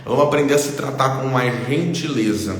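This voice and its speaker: A middle-aged Brazilian man speaks in an informal, repetitive way as a psychologist hosting a live stream, pausing often to check in with listeners. His voice sits at an ordinary pitch for a man. It rings heavily off the walls of an indoor room, with a long reverb tail behind every phrase. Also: expressive, faint music behind. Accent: Brazilian Portuguese. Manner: informal, repeats points, frequent "tá?" checks. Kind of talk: casual live-stream talk to viewers.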